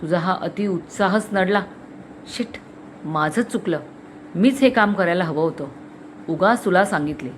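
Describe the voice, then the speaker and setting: A woman's voice: lowish voice, normal speed, long pauses, slight background noise, natural voice, rough recording. Storybook father, middle-aged, stern, cold and harsh; woman narrator voices him. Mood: scolding.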